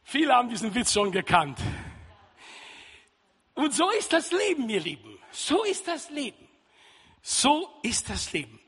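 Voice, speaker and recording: A man preaching a sermon in a church hall, lively and jokey with loud outbursts. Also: very high-pitched, unhurried, pauses often, slightly rough. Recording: reverberant hall.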